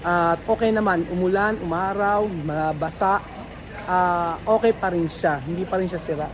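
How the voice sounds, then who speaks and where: A man's voice: sits high, moderate pace, noisy background. A man from the Philippines vlogging casually in a house under renovation, chatting to his viewers with many fillers and restarts. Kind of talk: casual vlog commentary to viewers.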